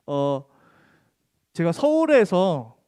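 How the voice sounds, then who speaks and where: A man in his thirties preaches to a youth group in a high, very animated, mellow voice that is clear and resonant, drawing out his words. His Korean mixes Gyeongsang dialect with Seoul speech, and his sermon is chatty and full of funny stories. He jokes with the teens and asks them questions.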